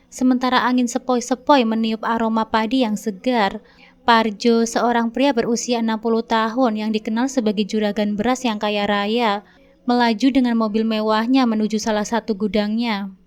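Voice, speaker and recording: A woman reads a scripted story aloud in a smooth, clear voice that sits a little high. Her delivery is gentle and even throughout. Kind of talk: scripted narration.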